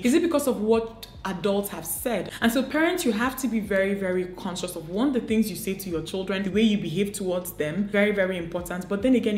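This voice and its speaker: A woman giving motivational advice to camera, earnest and coaching, asking many rhetorical questions. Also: medium pitch. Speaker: beauty and lifestyle vlogger. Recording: echoey room.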